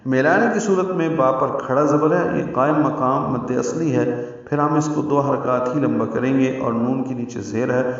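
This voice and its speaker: A man teaching the rules of Quran recitation. He explains each rule and slowly sounds out and repeats syllables to demonstrate them. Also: medium pitch, steady tone. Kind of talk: tajweed lesson, explaining pronunciation rules. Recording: very echoey, distant and dull.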